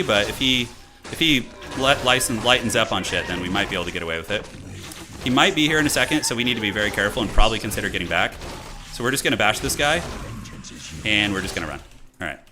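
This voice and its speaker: A man with a slightly low voice narrates his own gameplay live. His pitch moves around a lot as he talks through each move in loose, slangy, mildly sweary language. There is clear noise behind him. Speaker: gaming streamer commentating own match. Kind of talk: casual live gameplay commentary.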